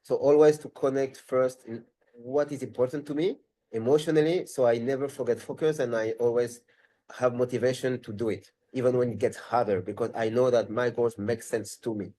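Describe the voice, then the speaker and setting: A man's voice: medium pitch, fairly even intonation, a little fast, warm tone, poor audio. A man with a French accent, a language tutor talking in a live webinar, thinking aloud and rephrasing as he goes.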